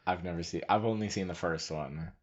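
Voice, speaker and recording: A man's voice: low voice, brisk. A young man co-hosting a casual podcast, wry and teasing in tone. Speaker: podcast co-host. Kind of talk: casual chat. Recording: dull lo-fi sound with faint noise.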